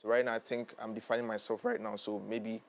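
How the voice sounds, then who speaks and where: A man's voice: lowish voice, level tone, quick pace. A young man from Ghana, a musician guest, speaking earnestly and hesitantly, often repeating himself. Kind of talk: casual interview chat.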